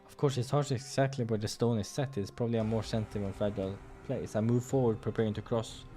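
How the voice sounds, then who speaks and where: A fairly low, mellow male voice with fairly even intonation reads a visual novel aloud quickly as part of a gaming playthrough, with faint music behind him. Now and then he stumbles over a line and corrects himself, slipping in casual asides too.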